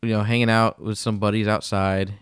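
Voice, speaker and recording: A man's voice: on the low side, fairly quick, smooth, no room sound. A man co-hosting a podcast, chatting casually and telling stories bluntly with a joking edge. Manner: animated storyteller, blunt and joking.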